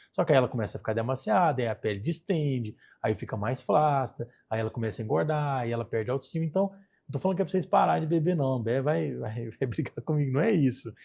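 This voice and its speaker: A man with a Brazilian Portuguese accent, a plastic surgeon being interviewed, telling anecdotes in an animated, chatty way. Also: a little high, vocal fry, slightly rough. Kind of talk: casual interview storytelling.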